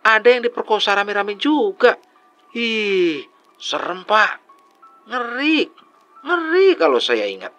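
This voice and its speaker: A man's voice: fairly high pitch, very animated, unhurried, fairly bright tone, faint music behind, pitched above the performer's own voice, exaggerated voice. A man voicing a young male worker at a tourist site, chatty and easily frightened, in a storytelling dialogue. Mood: scared.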